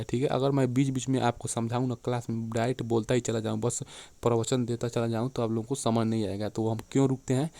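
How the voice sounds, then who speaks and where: A man teaching an exam-prep lecture, often checking in with his students and slowing down to read definitions and examples aloud. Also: mid-range voice, warm tone, dry recording. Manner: keeps checking in with "theek hai" and "dekhiye".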